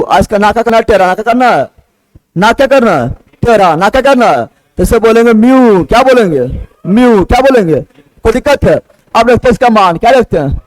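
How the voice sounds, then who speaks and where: Guy teaching a class, pretty high voice, dry sound, keeps firing questions and answering them. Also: no room sound, low-quality recording. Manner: drilling students with repeated questions. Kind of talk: classroom lecture.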